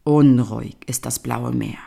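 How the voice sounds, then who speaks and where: A woman reading a fairy tale aloud in a measured, solemn storytelling manner. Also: extremely low pitch, steady tone, gravelly, warm tone, husky.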